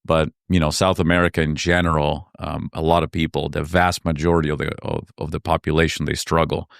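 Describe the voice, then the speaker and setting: A man's voice: very deep voice, flat delivery, brisk, vocal fry, clear, resonant tone, dry recording, clean studio sound. A man from Argentina whose first language is Spanish, telling his story in an earnest, reflective interview. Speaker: entrepreneur guest. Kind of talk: conversational interview.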